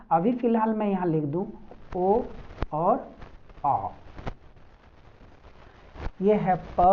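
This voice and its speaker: A woman teaching English phonics in a slow, drawn-out teaching tone. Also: lowish voice. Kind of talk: phonics lesson. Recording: dull lo-fi recording.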